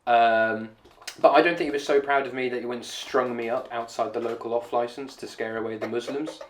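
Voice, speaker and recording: A man's voice: medium pitch, steady tone, a little fast, echoey room, a little hiss or hum. A man hosting a comedy podcast, joking and sarcastic in casual chat. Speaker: podcast host.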